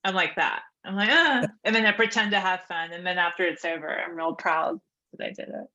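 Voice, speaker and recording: A woman's voice: fairly low pitch, fairly even intonation, a little fast, dull audio, crowd noise. A woman on a coaching call, chatting in a hesitant, self-deprecating way. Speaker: caller. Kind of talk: casual chat.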